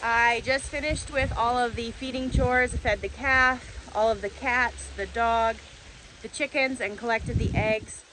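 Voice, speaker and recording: A woman chatting casually to camera as a homesteading vlogger, informally explaining chores outdoors with a tractor rumbling behind. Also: steady tone, measured pace, pushed and bright, a little hiss or hum, low-quality recording. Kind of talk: casual vlog chat to camera. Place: outdoors on a farm.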